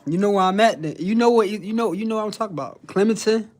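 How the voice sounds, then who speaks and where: A man's voice: high voice, fast talker. A young man, talking casually to his livestream chat. He brags in heavy street slang, swears freely and reads out viewers' messages as he goes. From New Jersey. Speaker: livestream host.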